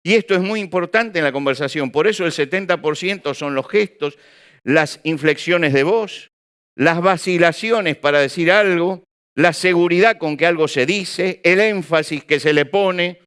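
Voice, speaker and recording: A man's voice: fairly high pitch, normal speed, fairly bright tone, clean tone. A male pastor preaching to a live congregation, asking rhetorical questions and acting out small examples. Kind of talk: sermon. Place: church or hall with an audience.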